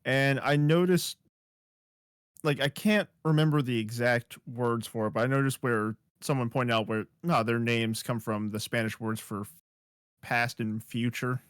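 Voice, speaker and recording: A man's voice: medium pitch, steady tone, measured pace, clean tone, no echo, clean studio sound. A man co-hosting a casual podcast chat over a voice call, easygoing and joking. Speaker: podcast co-host. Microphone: computer mic on a voice call.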